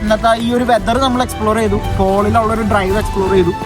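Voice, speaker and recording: A man's voice: high voice, steady tone, quick pace, over music. A Malayali man casually narrating an outdoor vlog in a Malayalam and English mix, exclamatory and repeating phrases for emphasis. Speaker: vlog host. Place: outdoors at a rainy lakeside camping spot.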